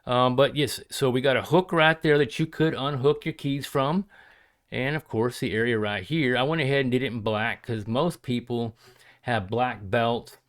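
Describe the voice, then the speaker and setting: A man's voice: mid-range voice, moderate pace, a bit bright. A man chatting casually to viewers as a hobbyist crafter, in a folksy, hesitant, rambling way. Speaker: pipe hobbyist and leather crafter showing his work. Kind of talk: casual vlog chat to viewers.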